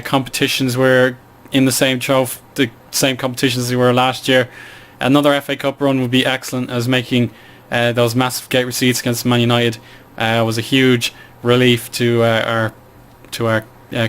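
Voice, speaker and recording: Man, casual game commentary, hesitant with fillers, smooth tone, flat delivery. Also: mid-range voice, moderate pace.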